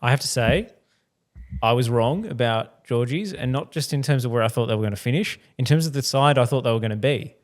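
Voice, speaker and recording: An Australian man hosts a football podcast, moving things along with wry, self-mocking humour. His voice sits at a middle pitch and he talks quickly. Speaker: podcast host. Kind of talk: casual podcast chat.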